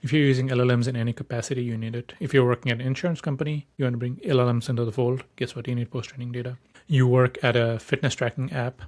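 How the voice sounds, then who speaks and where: A man's voice: medium pitch, fairly even intonation, fast, a little mellow. A young man from Nepal hosting a solo podcast, upbeat and enthusiastic, often restarting words mid-sentence. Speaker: podcast host.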